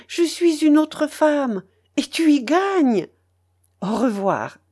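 A woman's voice: high-pitched, big pitch swings, slow pace, a little mellow, pitched above the performer's own voice, exaggerated voice. Woman doing a frantic noblewoman mother. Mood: exalted. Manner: breathless, pleading, rising cries. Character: strained aristocratic mother, overwrought noblewoman.

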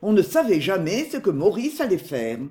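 An audiobook narrator reading a novel in scripted narration, with an expressive literary delivery. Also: mid-range voice, normal speed.

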